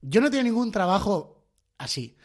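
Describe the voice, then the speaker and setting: A young man from the Basque Country, co-hosting a comedy podcast and telling stories in animated chat, acting out the voices of others. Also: high-pitched, normal speed. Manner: animated storyteller, acts out voices.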